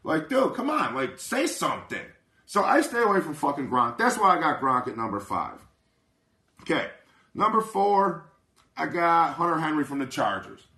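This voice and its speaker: A man's voice: on the high side, big pitch swings, moderate pace, pushed and bright. Brash, profane man in a roomy space. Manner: keeps asking "you know what I mean". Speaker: livestream host. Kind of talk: casual live chat.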